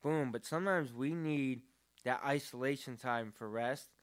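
A man's voice: medium pitch, a little slow. A man talking about prayer in a casual, earnest and rambling way, with many fillers. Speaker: podcast co-host. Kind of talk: casual faith talk.

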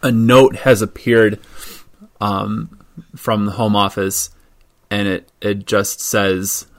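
A man with a lowish voice runs a tabletop game over an online call. He narrates in an unhurried, easygoing way and stops often on small fillers. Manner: relaxed, filler-heavy narration. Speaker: game master.

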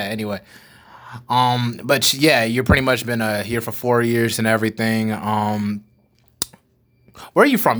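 A man's voice: fairly low pitch, fairly bright tone. A young man hosting a podcast, chatting loosely and joking with plenty of swearing. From African family. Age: young adult. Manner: loose, joking, rambling with profanity. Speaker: podcast host. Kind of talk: casual chat.

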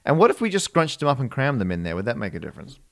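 A man's voice: mid-range voice, sing-song, very fast. Australian man chatting casually. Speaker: podcast co-host. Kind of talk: casual chat.

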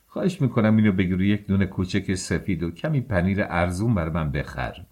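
A man reading the part of a brooding, feverish young male student, speaking low and curt in an audiobook. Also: animated, darkish tone. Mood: weary.

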